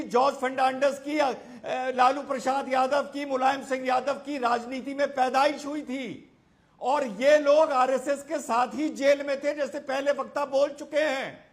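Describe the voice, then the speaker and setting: A man's voice: extremely high pitch, creaky. A man arguing insistently as a panelist on a heated TV debate, repeating himself to talk over others.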